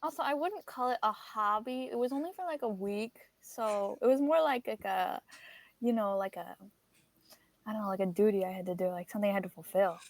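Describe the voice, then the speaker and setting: A woman's voice: medium pitch, fairly quick, dry recording. Chatty woman player with many fillers. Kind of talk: playing a tabletop game in character.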